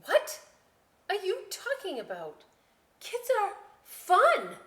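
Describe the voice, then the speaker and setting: A woman voicing an expressive young girl in a children's picture-book read-aloud, with exaggerated, emphatic delivery. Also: very high voice, takes it slowly, voice pushed up, exaggerated voice. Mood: incredulous. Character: expressive young girl, bored, eager, exasperated. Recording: roomy indoor echo.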